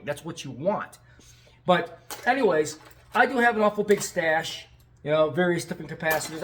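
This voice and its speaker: High-pitched American man, enthusiastic video update. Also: fairly bright tone. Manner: enthusiastic, repeats himself. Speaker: video tape restorer and channel host. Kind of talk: casual rambling vlog update.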